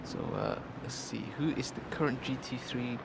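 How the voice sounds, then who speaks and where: A male race commentator giving measured, analytical live commentary, pausing often with "uh". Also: medium pitch, steady tone, gravelly. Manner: measured, analytical, many "uh" pauses. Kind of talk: live sim racing commentary. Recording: loud background noise.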